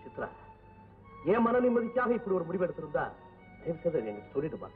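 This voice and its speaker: A man's voice: on the high side, very animated, fast talker, in a large hall. An actor playing a troubled middle-aged man, an uncle who speaks in an anxious, pleading way. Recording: tinny far-off old film soundtrack with music.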